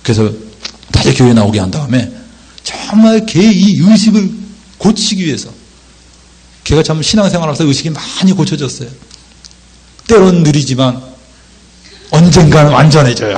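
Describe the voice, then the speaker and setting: A man's voice: high-pitched, husky. A man preaching a sermon lecture, telling stories and acting out the people in them. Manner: lively storytelling, acting out quoted voices. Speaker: pastor.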